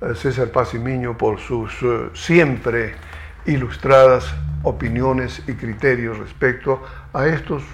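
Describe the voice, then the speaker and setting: A man hosting a televised science interview, asking measured, formal questions. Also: medium pitch.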